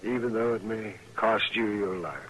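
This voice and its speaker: An actor playing a weary, considerate American frontier doctor with a dry, matter-of-fact manner, in old-time radio style. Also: male voice, fairly low pitch, normal speed, fairly bright tone, close to an everyday voice. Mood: weary, resigned. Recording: faintly noisy old radio recording.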